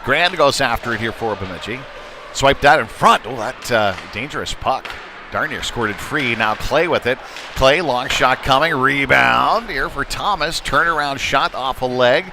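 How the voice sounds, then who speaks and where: A man calls live youth ice hockey play-by-play in a folksy, colloquial style, his mid-range voice expressive and his pace measured. Rink noise is clearly audible in the background.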